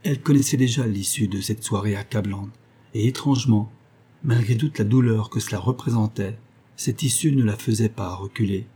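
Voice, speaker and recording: A man narrating a literary novel in a measured, even reading. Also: lowish voice, breathy edge. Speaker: audiobook narrator.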